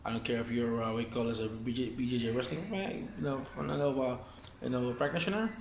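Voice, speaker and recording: Fast and gravelly, this mid-range male voice belongs to someone giving a casual, rambling Wing Chun demonstration, repeating himself as he moves. The echoey room carries faint ambience and slight background noise.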